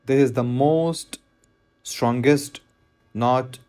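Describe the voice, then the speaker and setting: Slow-talking man explaining knot tying. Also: mid-range voice, fairly even intonation, a little mellow. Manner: plain, repetitive step-by-step instructions with non-native phrasing. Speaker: fishing knot instructor. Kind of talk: hands-on tutorial voice-over.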